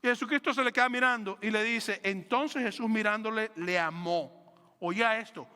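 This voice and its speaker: A man preaching a sermon as a pastor, animated, acting out the lines of biblical figures. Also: high voice, brisk, smooth. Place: church hall. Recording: reverberant sanctuary sound.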